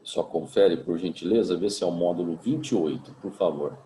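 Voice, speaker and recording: A man with a Brazilian Portuguese accent, a physics teacher giving a remote class in a relaxed, chatty way, full of tag questions. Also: deep voice, moderate pace, echoey room, a little hiss or hum, rough recording. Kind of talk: remote class, casual chat.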